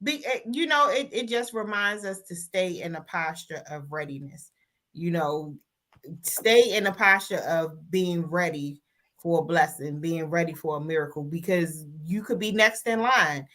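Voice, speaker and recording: A woman's voice: on the low side, unhurried, a bit bright. An American woman co-hosting a casual chat in a playful, teasing manner. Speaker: co-host.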